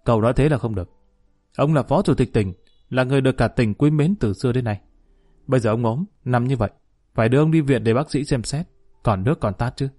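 A man's voice: medium pitch, fast, a little mellow, dry recording, studio quality, close to an everyday voice. A male narrator voicing a police general who is respectful but firm. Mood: stern. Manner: firm, deferential.

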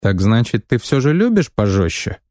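A man's voice: mid-range voice, very animated, normal speed, a little mellow, no echo, clean studio sound, close to an everyday voice. A man voicing a hot-tempered young noble girl. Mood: sulky.

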